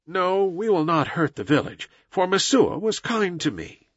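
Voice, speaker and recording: A man acts out a proud, defiant jungle boy from a storybook. The voice is raised high and swings boldly, with lofty, declamatory delivery. The recording is dry and a little muffled. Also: big pitch swings, unhurried, breathy edge, no echo, heavily acted. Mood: resolved. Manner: lofty, declamatory, archaic phrasing.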